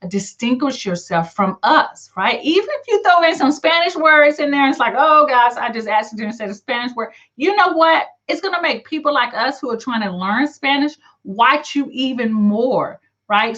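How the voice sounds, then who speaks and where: A middle-aged woman from the southern United States, with a Southern country accent, hosts a livestream, chatting casually and encouragingly while reading live comments. Her voice is a little high and a bit bright, her phrasing folksy and colloquial, and the audio is dull and lo-fi.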